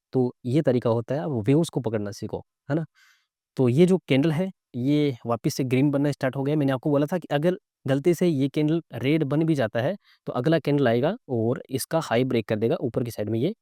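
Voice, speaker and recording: With a mellow, mid-range voice and studio-quality, echo-free sound, a trading instructor and live-trade host gives a laid-back lesson on chart reading. His throat is a bit sore, and he often checks that listeners are with him using quick tag questions.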